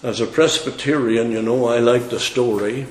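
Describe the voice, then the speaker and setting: A man's voice: medium pitch, steady tone, normal speed, roomy sound, low-quality recording. A man preaching a sermon, emphatic and fiery, whose voice rises in sudden outbursts.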